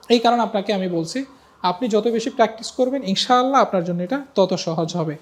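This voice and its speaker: A man's voice: high voice, a little mellow. A middle-aged man teaching an online Quran reading lesson, patiently spelling out letters one by one and coaxing students to repeat after him.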